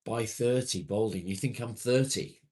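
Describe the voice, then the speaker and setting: A man's voice: fairly low pitch, moderate pace, a little mellow, husky. A man in his late forties hosting a casual livestream, chatting matily with viewers and swearing now and then. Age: 40s. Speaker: livestream host. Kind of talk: casual live chat reading viewer comments.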